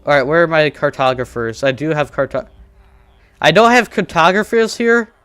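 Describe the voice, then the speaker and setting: A man's voice: a little high, very animated, normal speed, fairly bright tone, clean tone, no echo, faint music behind. A man streaming a survival game, casually thinking aloud and joking at his own expense while he plays. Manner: rambling, self-deprecating, thinking aloud.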